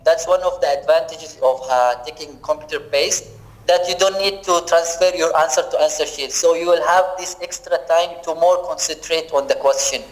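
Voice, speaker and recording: A man's voice: a little high, normal speed. A young man from Pakistan, a student, answering interview questions on a phone call, hesitant and full of fillers. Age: young adult. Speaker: student, guest.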